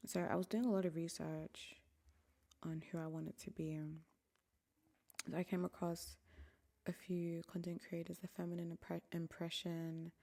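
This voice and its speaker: In this casual solo podcast, a young woman from Africa reflects candidly into the microphone, often lowering her voice to nearly a whisper. It is a lowish, mellow, gravelly voice with little pitch movement, a measured pace and long pauses.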